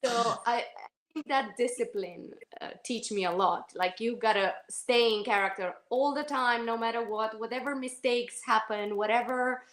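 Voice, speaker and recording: Her voice sits on the high side, a little bright, at normal speed. She's an actress from Romania fielding interview questions, pondering aloud, restarting and backtracking with many fillers, in a room with noticeable echo.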